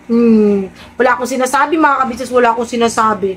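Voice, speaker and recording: A woman's voice: a little high, fast talker, a bit bright. A woman vlogger in casual live-stream commentary, talking to her viewers in a sarcastic way and firing off rhetorical questions.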